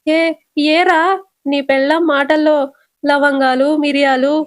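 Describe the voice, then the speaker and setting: A woman voicing a scheming, sharp-tongued middle-aged mother-in-law in a retold family serial, shrill and indignant. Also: little pitch movement, measured pace, no echo.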